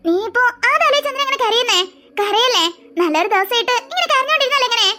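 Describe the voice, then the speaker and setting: A woman's voice: very high voice, animated, quick pace, heavy background noise. A woman voicing young college friends in a cartoon, comforting and scolding each other. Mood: scolding gently. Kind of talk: Malayalam cartoon voice acting.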